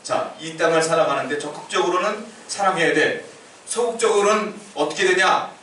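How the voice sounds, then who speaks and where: A man's voice: on the high side, brisk, pushed and bright, a little hiss or hum. A male pastor giving a sermon in a conversational, storytelling manner, recorded in a church sanctuary. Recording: echoey church hall from far off.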